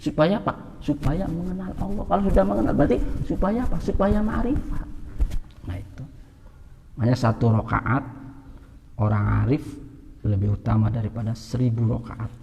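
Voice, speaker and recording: Gravelly male preacher in an echoing hall. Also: moderate pace, darkish tone, a little hiss or hum. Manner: asks questions and answers them himself, pitch jumps for emphasis. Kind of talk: religious teaching. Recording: long reverb in a hall.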